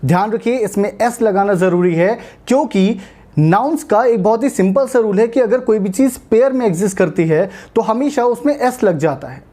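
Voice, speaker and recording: Mellow-voiced Indian woman teaching English. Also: medium pitch, lively intonation. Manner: explanatory, slows down to spell out words. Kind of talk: spoken English lesson in Hindi.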